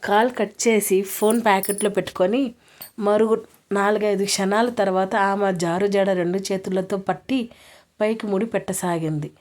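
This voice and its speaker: A woman narrating a romance story in a steady, even reading voice. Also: mid-range voice, normal speed.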